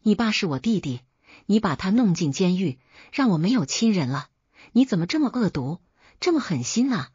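A woman doing a shrill rural aunt, scolding and wailing, husky, dull dry recording. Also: very animated, moderate pace, a little mellow, dry recording. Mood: furious. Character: loud rural aunt, middle-aged woman, shrill shrew.

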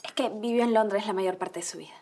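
An actress playing a nervous, stammering young head chef. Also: female voice, medium pitch, brisk, a little mellow, close to an everyday voice. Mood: flustered.

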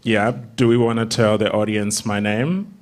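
A Rwandan comedian in his twenties, appearing as a guest in an interview, tells casual, funny stories haltingly into a handheld mic. His voice is fairly low and steady, and he's on a theatre stage before a seated audience.

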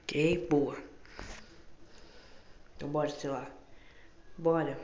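A man with a fairly high voice talks through an improvised game story in a casual, hesitant way. He repeats phrases often, and the muffled recording has room echo. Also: steady tone, slow, dark tone. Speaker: gaming video creator. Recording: muffled, echoey room with background noise.

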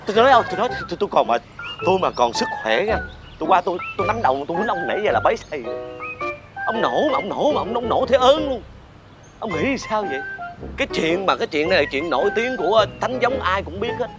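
An actor with a Southern Vietnamese accent playing a sharp-tongued, mocking old man in a nursing home in a comedy sketch. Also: high voice, very animated, quick pace, music in the background. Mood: scolding. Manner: sarcastic, needling. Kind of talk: stage comedy acting.

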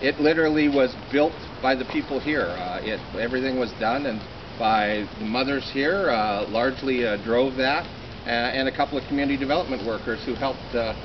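A middle-aged man telling a group about his past on an outdoor walking tour, reflective and halting with many fillers. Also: mid-range voice. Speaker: former resident speaking on a walking tour. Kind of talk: casual outdoor storytelling to a group. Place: outdoors in a rainy housing courtyard. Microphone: smartphone camera at a short distance. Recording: dull phone-camera audio with outdoor noise.

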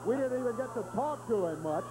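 High-pitched male wrestling commentator. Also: expressive, fast talker, noisy background. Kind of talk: live interview and play-by-play commentary. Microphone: handheld microphone.

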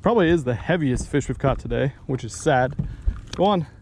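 A fishing vlogger in his thirties chats casually and pokes fun at himself while fishing from a bass boat on a lake, talking to his dog. His mid-range voice is expressive, a little fast and darkish in tone. The boat's action camera picks up slight background noise.

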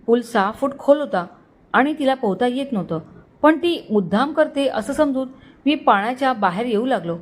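A woman storyteller reading a romantic story aloud in a steady, expressive way. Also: fairly high pitch, normal speed. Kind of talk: scripted story narration.

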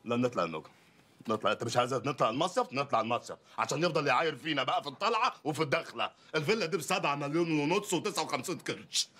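An actor playing a poor, bumbling loudmouth lawyer husband in a comedy film, ranting and sarcastic in an Egyptian accent. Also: male voice, on the high side, expressive, rapid-fire. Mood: mocking. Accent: Egyptian Arabic. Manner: ranting, sarcastic, wildly swinging delivery.

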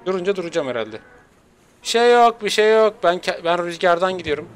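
Male gaming streamer, high and very animated, jokey, faint game music underneath. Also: brisk. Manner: excitable, jokey, jumps to high squeals when chased. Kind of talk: live gameplay commentary. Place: home room with an open window.

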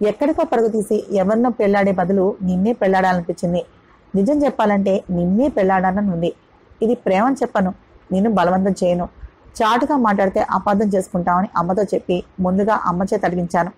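A woman voicing an earnest young man pleading gently for a marriage, in a husky voice. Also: mid-range voice, close to an everyday voice, low-quality recording.

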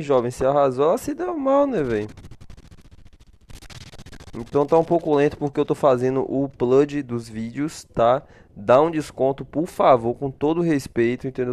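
A man's voice: medium pitch, a little mellow. A man hosting a casual narrated gameplay video, chatting to his viewers and answering his own questions. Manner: chatty, talks to himself in a back-and-forth, blesses viewers. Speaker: gaming channel host.

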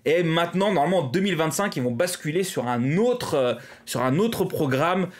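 A man's voice: a little high, lively intonation, moderate pace. A French man hosting a live stream, chatting casually with lots of fillers and small laughs at his own fumbles.

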